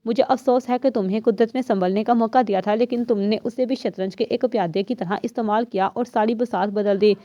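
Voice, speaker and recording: A woman's voice: a little high, steady tone, few pauses, dark tone, no echo, lightly acted. A woman reading the part of a defiant young secret agent in a storybook reading, accusing and unafraid. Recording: dull, slightly lo-fi dry recording.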